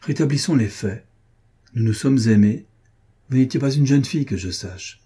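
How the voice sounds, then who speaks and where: A man's voice: medium pitch, normal speed, mellow, slightly rough, lightly acted. Man reading Armand, a cold sceptical lover. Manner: cool, cutting, coldly reasoning. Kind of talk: audiobook reading of a classic novel.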